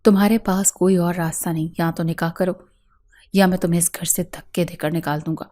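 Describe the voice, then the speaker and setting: A woman's voice: lowish voice, steady tone, warm tone, close to an everyday voice. Cold vengeful young husband, voiced by a female narrator, hard and clipped. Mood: cold, stern. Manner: cold, stern delivery. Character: harsh vengeful young man, cold and bitter.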